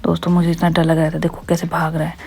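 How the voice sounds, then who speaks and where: Husky low-voiced woman telling a story. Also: monotone, quick pace, a little mellow. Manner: recounting events, quoting others. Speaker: vlogger narrating a clip. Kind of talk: casual voice-over storytelling.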